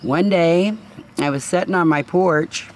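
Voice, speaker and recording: A man with a gravelly voice telling a story in a casual interview, chuckling and acting out the voices he quotes. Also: on the high side, measured pace, a little hiss or hum.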